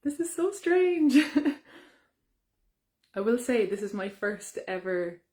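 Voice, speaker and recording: A young woman, a singer, chatting brightly with fans during a live Q&A, with many ums and restarts. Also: on the high side, sing-song, extremely slow. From Ireland. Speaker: singer hosting a fan Q&A. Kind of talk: casual live-stream chat. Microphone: phone or webcam on a live stream.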